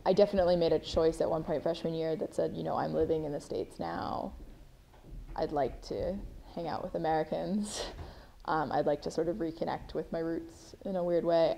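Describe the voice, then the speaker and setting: A young woman with a very low voice and a gravelly edge speaks in a documentary interview. She is a college student, thoughtful and unhurried, often pausing on an "um" as she sorts her thoughts. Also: a little mellow. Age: 20s. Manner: reflective, frequent ums.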